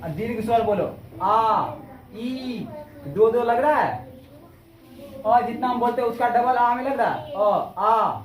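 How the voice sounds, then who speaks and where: A woman teacher drills her students with repeated questions and slowly drawn-out vowels. She is recorded from across an echoey classroom, with a faint hum of room ambience behind her. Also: on the high side, a little mellow, far from the mic. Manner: repetitive questioning, drawn-out vowel demonstrations, scolding. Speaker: Hindi grammar teacher. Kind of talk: classroom lesson with call-and-response drilling.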